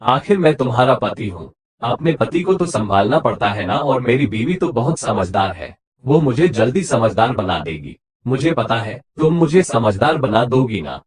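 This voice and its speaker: A doting young husband, voiced by a male narrator, who teases and softly coaxes his wife in an audiobook romance. The voice is husky and breathy, with a lively lilt. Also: mid-range voice, normal speed. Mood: coaxing. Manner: soft, coaxing apologies. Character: affectionate young husband, teasing and coaxing.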